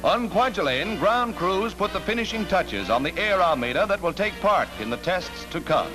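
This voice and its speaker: Male 1940s newsreel announcer, emphatic and animated, old newsreel soundtrack over loud music. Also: high-pitched, moderate pace, low-quality recording. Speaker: newsreel narrator.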